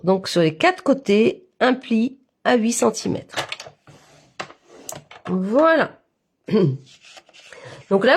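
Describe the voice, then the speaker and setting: Her husky, mid-range voice sounds nasal from a head cold as she teaches a papercraft project on a live-stream tutorial. She moves through each step for viewers, dropping in many fillers along the way.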